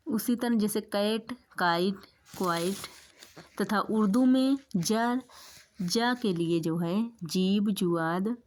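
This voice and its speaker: Female teacher, exam-prep lecture, steady explanatory delivery, repeats key points, average-pitched voice.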